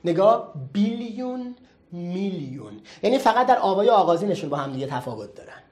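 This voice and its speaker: A teacher giving a classroom lecture in a playful, teasing way, firing quick rhetorical questions at the students. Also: medium pitch, very animated, darkish tone. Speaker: English teacher.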